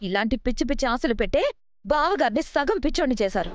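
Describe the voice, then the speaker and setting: A woman's voice: high-pitched, animated, fast talker. An actress playing a stern, practical woman of a wealthy family, speaking firmly in a TV serial. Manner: firm, reasoning, dismissive. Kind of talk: TV serial acting.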